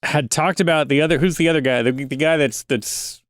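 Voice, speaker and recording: A man's voice: on the high side, a little fast, no room sound, studio quality. A man co-hosting a podcast in casual, wry conversation. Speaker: podcast co-host.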